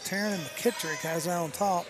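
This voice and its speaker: High-voiced man calling a basketball game. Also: normal speed, crowd noise. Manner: jokey, calls plays excitedly. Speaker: play-by-play announcer. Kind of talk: local sports commentary.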